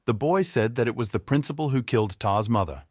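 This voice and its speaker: A man narrating a scripted story recap in an even, matter-of-fact way. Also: mid-range voice, fairly quick, dry recording, studio quality.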